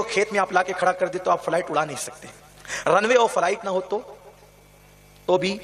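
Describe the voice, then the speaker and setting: High-voiced fervent male preacher. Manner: impassioned, rhetorical questions to the audience. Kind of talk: devotional sermon with storytelling.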